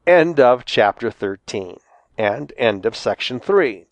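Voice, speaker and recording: A man reading a children's storybook aloud with a lively, expressive delivery. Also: mid-range voice, takes it slowly, no echo, muffled recording. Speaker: volunteer audiobook reader. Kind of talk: storybook narration.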